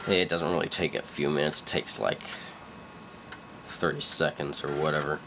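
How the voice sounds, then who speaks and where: His pitch is extremely low and his tone steady, with vocal fry, delivered at normal speed over a noisy background. He's a young man with a stuffy cold casually talking through a screen-recorded computer tutorial in a dim room, rambling and correcting himself with many fillers.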